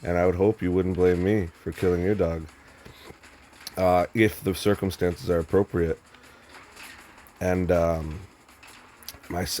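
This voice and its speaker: Deep-voiced young man telling a story bluntly. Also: darkish tone, slight background noise. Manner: rambling, blunt and profane, with many restarts. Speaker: vlogger. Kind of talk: casual storytelling monologue.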